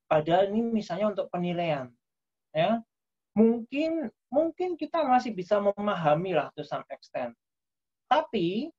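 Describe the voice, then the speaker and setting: A man's voice: fairly high pitch, a little mellow. A man giving a casual online workshop lecture, full of fillers and tag questions. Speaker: workshop presenter. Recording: dull lo-fi online call audio.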